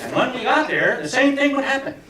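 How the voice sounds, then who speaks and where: A man in his seventies doing a stand-up routine for fellow alumni, telling tongue-in-cheek stories with deadpan punchlines. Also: very high voice, fast, far from the mic. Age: 70s. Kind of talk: stand-up comedy. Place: reunion event hall with audience. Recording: echoey room miked from afar, crowd laughter.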